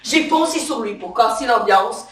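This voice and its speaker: A swaggering, defensive female cop, played by a woman in a satirical stage monologue. The voice is sharp and tense, picked up from across an echoey theatre stage. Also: on the high side, expressive, moderate pace. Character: brash trigger-happy female police officer, touchy and power-proud. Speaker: stand-up character performer. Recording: roomy stage sound from far off.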